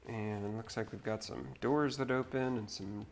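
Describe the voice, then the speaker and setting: A man's voice: fairly low pitch, steady tone, moderate pace, faint music behind. A man from North Carolina hosting a livestream, chatting casually and rambling in a laid-back way as he builds. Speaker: livestream host. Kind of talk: casual chat while building.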